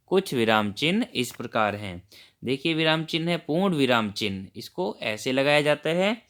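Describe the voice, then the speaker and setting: A man's voice: mid-range voice, very animated, moderate pace, fairly bright tone. A man teaching a primary school worksheet lesson to children, friendly and explaining step by step.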